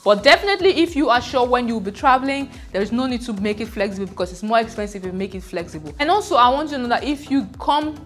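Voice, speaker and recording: A woman's voice: on the high side, expressive, fast, hardly any pauses, a bit bright, soft background music. A woman vlogging casually about her trip from a seaside resort, with a chatty, conversational way of talking full of "like" fillers. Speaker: travel vlogger. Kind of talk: casual travel vlog.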